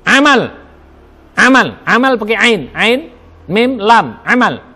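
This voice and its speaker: Animated high-voiced preacher in a mosque. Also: male voice, slow. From Indonesia. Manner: emphatic, spells out Arabic letters and sounds; asks and answers his own questions. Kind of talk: Ramadan sermon.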